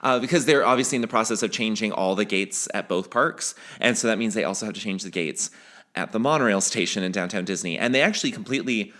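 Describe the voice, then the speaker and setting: A man with a fairly low voice co-hosts a relaxed podcast. He talks in loose, rambling sentences, restarts often and laughs easily as he chats with his co-host. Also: quick pace. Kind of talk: casual podcast chat.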